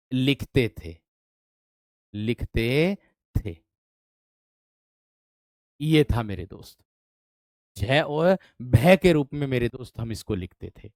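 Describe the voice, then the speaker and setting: A man teaching an online grammar class for exam students, often asking whether the class has understood and repeating words slowly as he writes. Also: mid-range voice, a little mellow, no echo, clean studio sound. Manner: repeats words slowly while writing on a board; asks the students frequent check-in questions. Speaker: Hindi teacher.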